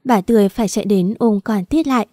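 A woman reading an audio story in a steady storytelling manner. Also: medium pitch, fast, no echo, clean studio sound. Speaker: narrator.

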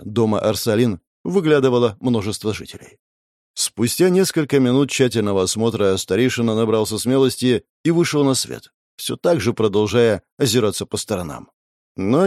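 Male audiobook narrator, mid-pitched, intense dramatic read, close dry sound. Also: darkish tone, dry recording. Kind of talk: first-person audiobook narration.

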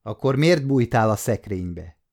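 A man's voice: fairly low pitch, lively intonation, a little mellow. A man playing a young soldier in an audiobook, speaking firmly and asking questions. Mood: questioning. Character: young soldier, stern but pitying.

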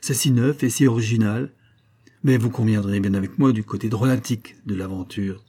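A man reading an audiobook, putting on a brisk, amused male detective. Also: lowish voice, fairly even intonation, dark tone, breathy edge.

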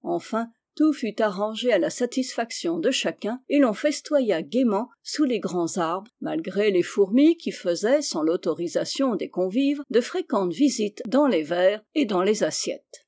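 A woman reading a classic children's novel aloud as an audiobook, with measured, expressive storytelling. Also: medium pitch. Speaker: audiobook reader. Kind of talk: scripted narration.

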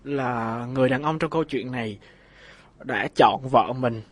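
A man's voice: medium pitch, normal speed. A man co-hosting a radio advice show, sharing opinions on relationships in a reflective, tentative, conversational way.

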